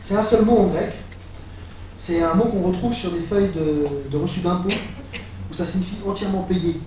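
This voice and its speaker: A man preaching a sermon, animated and building to excited exclamations. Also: sits high, moderate pace, noisy background. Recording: echoey hall, voice from far off.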